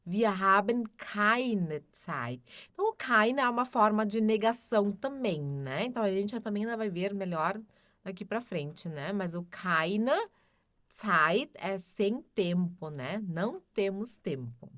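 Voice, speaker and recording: A woman with a Brazilian Portuguese accent teaching a grammar lesson, patiently repeating each example sentence slowly. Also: mid-range voice, expressive, fairly bright tone, no echo. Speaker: German teacher.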